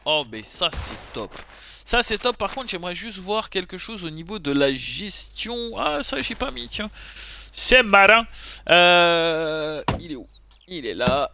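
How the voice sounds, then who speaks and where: A man streaming a game, chatting casually with excitable, jokey outbursts. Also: high voice, slight background noise. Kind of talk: casual gameplay commentary.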